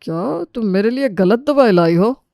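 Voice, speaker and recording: A woman's voice: on the high side, lively intonation, moderate pace, gravelly, mellow, no room sound, clean studio sound. A woman voicing a stern older father-in-law in a cartoon story, scolding in a fatherly way. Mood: asking.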